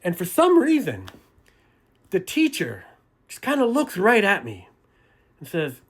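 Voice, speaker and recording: Profane, animated man telling a story. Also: high voice, unhurried, breathy edge. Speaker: sobriety vlogger. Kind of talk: casual storytelling to camera.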